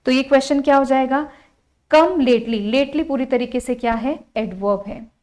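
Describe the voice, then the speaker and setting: A woman's voice: high voice, normal speed, a little mellow. Indian woman teacher explaining grammar. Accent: Indian English. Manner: explains step by step, asks questions and answers them herself. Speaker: English teacher. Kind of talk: classroom grammar lesson. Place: classroom with a board.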